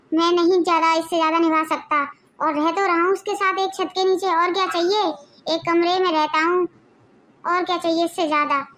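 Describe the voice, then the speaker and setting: A girl with a very high voice plays a curt, dismissive young husband in a home-made family drama. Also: a bit bright. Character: scolding young husband, middle-aged man.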